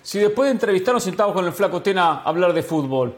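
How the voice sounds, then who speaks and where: A man's voice: high voice, lively intonation, quick pace, crowd noise. A man speaking as a football pundit on a sports talk show, rambling with many fillers and a self-mocking humor.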